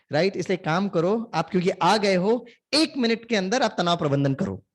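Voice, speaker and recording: A man from India giving a motivational spiritual talk to an audience, telling stories with animated energy, slipping in English phrases and leading call-and-response. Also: on the high side. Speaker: spiritual speaker.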